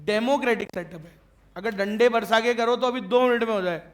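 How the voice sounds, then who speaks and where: A man lectures his class in a very high voice. He teases his students with jokes and keeps asking whether they follow. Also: brisk. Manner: checks often that students follow; joking and teasing with students. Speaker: teacher.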